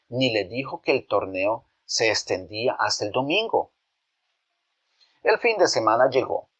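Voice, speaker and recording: A man's voice: medium pitch, a bit bright. A man narrating a moral story for children, asking them questions directly as he goes. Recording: dull lo-fi recording.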